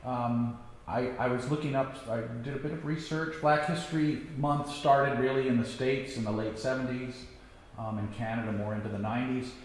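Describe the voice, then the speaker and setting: A man in his sixties giving a reflective personal talk, halting with many ums and restarts. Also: mid-range voice, fairly even intonation. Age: 60s. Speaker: guest speaker. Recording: echoey hall, faint background noise.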